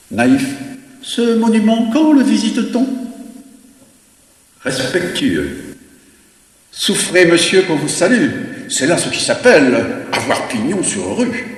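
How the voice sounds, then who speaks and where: A man playing a witty, proud French gentleman in a theatrical verse monologue, declaiming in a hammy, grandiloquent stage manner with shifting tones. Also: on the high side, full character voice. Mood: grandiloquent, playful. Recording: very echoey hall, long reverb.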